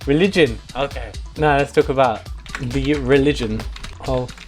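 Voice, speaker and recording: A man's voice: mid-range voice, normal speed, faint music behind. A young British man streaming a mock lesson to his chat in a mock-serious manner, prone to chuckling.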